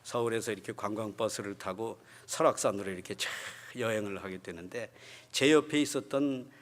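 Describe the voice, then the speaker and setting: A man preaching a sermon as pastor, moving between quiet storytelling and loud, fervent exhortation. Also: lowish voice, fairly quick. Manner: swings from quiet talk to loud, shouting exhortation. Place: church sanctuary. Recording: long church hall reverb.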